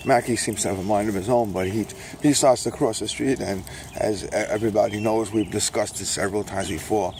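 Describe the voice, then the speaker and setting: Older man from Brooklyn, self-mocking salesman patter, fry-heavy voice, casual outdoor vlog. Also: lowish voice, fairly even intonation, a little fast, a little mellow, a little hiss or hum. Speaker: self-published author promoting his books. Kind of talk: casual rambling vlog while walking a dog. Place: outdoors on a morning walk.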